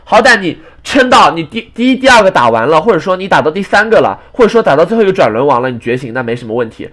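A man's voice: a little high, big pitch swings, fast, fairly bright tone. A young man retelling a frustrating online card game match in a casual, exasperated rant, often restarting his sentences. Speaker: game commentator. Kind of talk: casual gameplay storytelling.

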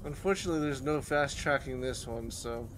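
A man's voice: medium pitch, fairly quick, background noise. A man in his thirties giving casual commentary while playing a video game in a small room. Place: small indoor room, on webcam. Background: game music.

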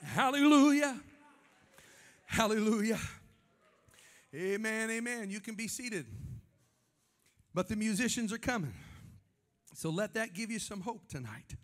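A man preaching a Pentecostal sermon in a church, swinging between fervent shouts and hushed asides and calling on the congregation for amens. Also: sits high, lively intonation, a little slow, long pauses. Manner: calls on the congregation for amens and responses. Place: church sanctuary before a congregation.

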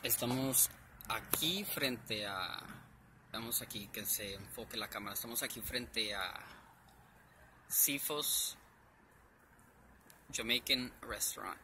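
A man speaking casually into a handheld phone outdoors, announcing a community event in a slow, halting way with many restarts. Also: medium pitch. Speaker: presenter of a community event video. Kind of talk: casual spoken announcement with prayer. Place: outdoors by a street. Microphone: handheld phone camera. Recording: loud outdoor noise with traffic. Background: passing cars and street ambience.

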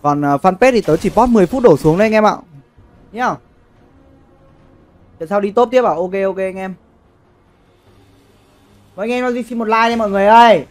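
High-pitched young man. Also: fairly quick, pauses often. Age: young adult. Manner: profane, slangy, repeats phrases. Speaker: livestream gamer. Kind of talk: casual livestream chat with game commentary. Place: indoor streaming setup.

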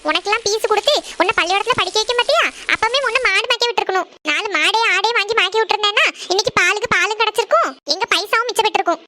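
A woman voicing a scolding village mother of two daughters, loud. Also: very high-pitched, very fast, hardly any pauses, noisy background. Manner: loud, scolding, rural Tamil speech.

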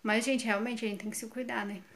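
A Brazilian woman with a slightly high voice talks straight to her viewers in a relaxed, chatty way. She is filming herself at home on a handheld phone, as in a casual everyday vlog. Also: fairly quick, slight background noise. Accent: Brazilian Portuguese. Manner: chatty, addresses viewers directly. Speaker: vlogger.

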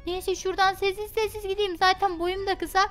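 A woman's voice: extremely high pitch, flat delivery, a little fast, faint music behind. A woman voicing a mischievous little girl in a game role-play, giggly and teasing. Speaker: Minecraft roleplay YouTuber.

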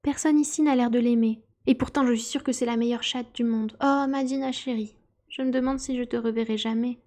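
Storybook girl, eager and polite, slightly raised and bright, voiced by a woman. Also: a little high, quick pace, lightly acted. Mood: earnest. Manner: earnest and apologetic. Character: polite, eager young girl, a bit anxious.

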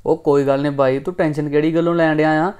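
A man's voice: a little high, flat delivery, fast talker, a little mellow, clean tone, close to an everyday voice. An actor playing an injured, bedridden young man, weary and placating. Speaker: injured son.

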